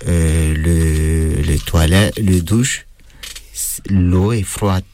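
A man speaking French with a non-native accent, giving a halting personal account as an interviewee, full of hesitations and restarts. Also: low voice, level tone, mellow, a little hiss or hum. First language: not French. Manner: hesitant, many fillers and restarts.

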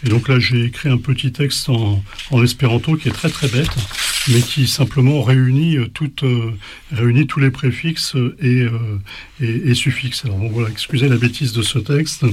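A man's voice: medium pitch, normal speed, slight background noise. Hesitant man teaching a lesson. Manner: hesitant, many fillers and restarts. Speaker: language teacher. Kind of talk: casual spoken lesson.

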